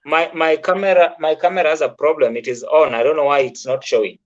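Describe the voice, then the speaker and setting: A man joining an online discussion over a video call, halting and repeating words, his voice echoing from a second device. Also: on the high side, fairly even intonation, lo-fi sound. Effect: echo from a second device.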